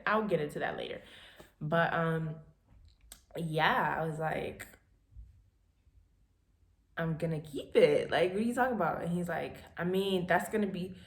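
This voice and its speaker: A young woman in her twenties vlogging, telling a story in a lively, animated way with bursts of laughter. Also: low-pitched, echoey room. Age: 20s. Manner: animated, laughing, acting out her dad's lines. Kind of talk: casual storytelling.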